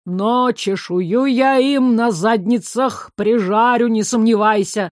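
Женщина озвучивает громкого хвастливого дракона-отца. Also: female voice, on the high side, takes it slowly, no echo, studio quality. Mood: boasting. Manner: loud, blustering. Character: loud boastful male dragon father.

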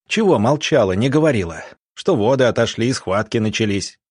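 A man's voice: medium pitch, expressive, brisk, husky, no echo, clean studio sound. A man as a firm young country doctor. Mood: commanding. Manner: curt, decisive orders.

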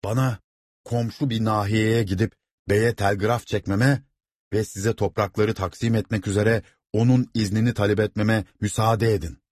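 A man's voice: fairly low pitch, fairly even intonation, normal speed, a little mellow, no echo, studio quality, lightly acted. A man voicing a pale, trembling estate steward who pleads with a crowd, in an audiobook reading. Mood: pleading. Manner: shaky, pleading, exasperated.

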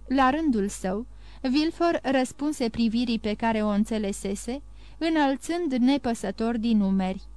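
A woman narrates a classic novel as an audiobook in a steady, measured way. Her voice is somewhat high, and the recording is dry and close. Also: dry recording. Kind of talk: scripted narration.

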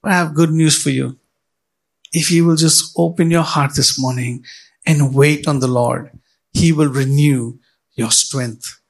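A man's voice: fairly high pitch, steady tone, unhurried, creaky. A middle-aged male pastor preaching a sermon in church, speaking straight to the congregation with rising and falling emphasis.

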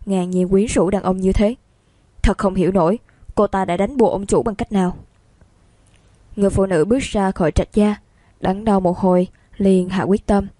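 A woman narrating a romance novel in a steady, even storytelling manner. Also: medium pitch, no echo.

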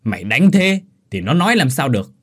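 Man playing a gruff old village landlord, curt commands, raised and husky. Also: medium pitch, very animated, brisk, fairly bright tone, pitched above the performer's own voice. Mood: stern questioning.

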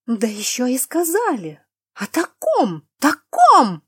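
A woman voicing a shrill, furious lady's maid. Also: wildly swooping pitch, takes it slowly, slightly rough, no room sound, clean studio sound, heavily acted. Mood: outraged. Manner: shrill, scolding. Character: angry middle-aged female lady's maid.

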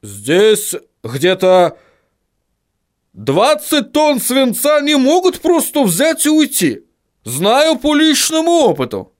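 A man voicing a gruff, stubborn male dwarf printer who barks his lines. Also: very high-pitched, wildly swooping pitch, slow, pitched above the performer's own voice, full character voice. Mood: grumbling. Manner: barking, exclaiming.

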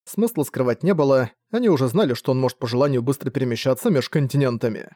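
A man's voice: medium pitch, quick pace, dark tone, no echo. Man narrating an audiobook, dry sound. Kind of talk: scripted narration.

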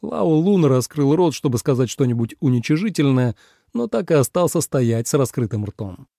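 A man narrating an audiobook with expressive storytelling. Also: mid-range voice, moderate pace, gravelly, dry recording, clean studio sound.

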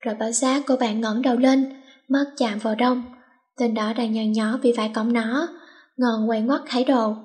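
A woman narrating an audiobook story in a steady storytelling voice. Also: a little high, normal speed.

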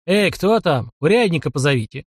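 A man's voice: a little high, lively intonation, brisk, slightly rough, no room sound, clean studio sound. A man voicing a gloomy, irritable, hungover army major in an audiobook. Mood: curt. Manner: gloomy, curt.

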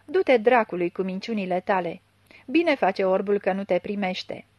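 A hot-tempered boyar in a prison camp barks his demands, read by a woman. His questions come sharp and impatient, and his temper flares quickly. The voice is close and dry. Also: mid-range voice, animated, no room sound, highs cut off, close to an everyday voice. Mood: furious. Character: threatening, angry boyar man in a prison camp.

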